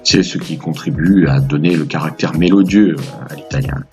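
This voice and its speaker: A man's voice: extremely low pitch, normal speed, a little mellow, faint music behind. A man hosting a language lesson, explaining grammar to viewers in an upbeat, patient way with playful asides. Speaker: language teacher, host.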